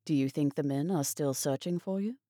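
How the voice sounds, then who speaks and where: A woman doing a kind, courteous young gentleman. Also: low voice, a little fast, dry recording, clean studio sound, natural voice. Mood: reassuring.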